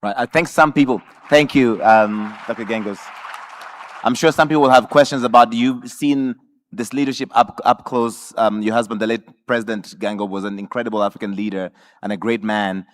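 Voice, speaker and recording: A man's voice: on the low side, steady tone, fairly quick. A man moderating a panel discussion, courteously thanking one speaker and bringing in the next. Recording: long reverb of a conference hall.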